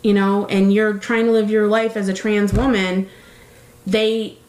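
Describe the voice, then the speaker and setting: A woman's voice: mid-range voice, level tone, unhurried, a little mellow, reverberant, rough recording. A woman talking casually, rambling with many fillers and correcting herself as she goes. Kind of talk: casual chat.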